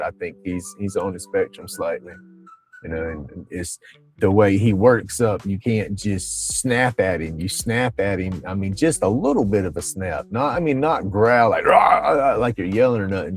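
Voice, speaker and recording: An older man talks in a low, mellow voice, rambling folksily and laughing often. Soft music plays faintly behind him on a casual livestream. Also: poor audio. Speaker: livestream host. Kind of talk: casual chat.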